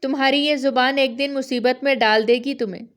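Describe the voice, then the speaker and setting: Woman narrator doing a gruff, tired husband, short clipped scolding lines, audiobook. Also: high-pitched, steady tone, a bit bright. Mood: stern. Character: stern tired older-brother husband, gruff but fond.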